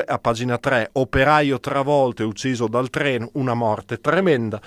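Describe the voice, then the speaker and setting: A man's voice: medium pitch, no room sound. A man hosting a radio press review, reading headlines with wry, ironic asides. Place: radio studio.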